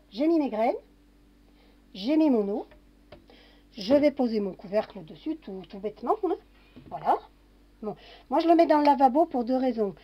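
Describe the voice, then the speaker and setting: A woman casually talking through a kitchen demonstration, narrating each step with little fillers. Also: high-pitched. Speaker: home cooking vlogger. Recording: dull lo-fi home recording.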